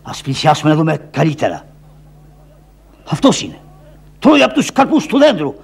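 A man's voice: fairly high pitch, huge pitch swings, gravelly, slightly rough, exaggerated voice. A man voicing Odysseus, a commanding heroic captain in a shadow-puppet play, declaiming orders solemnly. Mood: commanding, worried. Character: Odysseus, grown male hero and commanding captain. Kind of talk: traditional shadow-puppet theatre voice.

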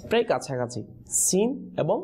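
A man teaching the pronunciation of Quranic letters in a lesson, pausing on questions so his students answer in chorus. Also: a little high, big pitch swings, darkish tone. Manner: call-and-response teaching, prompting answers with questions.

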